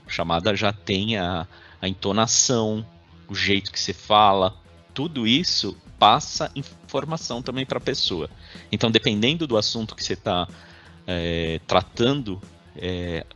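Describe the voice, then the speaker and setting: A man with a Brazilian accent leads a relaxed corporate training session, and his voice sits on the low side. He keeps it conversational, tossing in tag questions as he explains, while faint music plays softly behind him. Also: highs cut off. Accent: Brazilian Portuguese. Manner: conversational, tags sentences with frequent "né?". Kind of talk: informal workplace talk.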